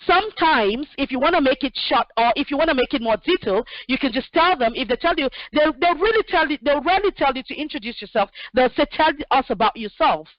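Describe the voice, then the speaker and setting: A direct woman in her forties, originally from Cameroon, gives practical career advice in a fairly high voice, filling her pauses with "um." The sound is dry and dull, like lo-fi call audio. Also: expressive, no echo. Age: 40s. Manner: direct, practical, with many fillers. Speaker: human resources expert guest. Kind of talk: answering questions in an online session.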